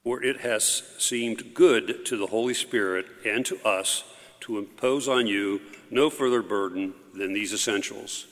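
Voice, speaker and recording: A lower-voiced man reads scripture aloud at Mass in a measured, formal cadence. His words ring out in a long cathedral echo that fills a large church. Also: fairly bright tone. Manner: measured, formal reading pace. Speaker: lector.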